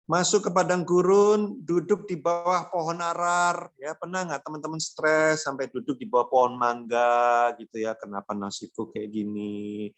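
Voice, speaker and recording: Male youth pastor, slightly high voice, playful and slangy, acts out the people he quotes. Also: steady tone, normal speed, hardly any pauses. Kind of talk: casual youth sermon.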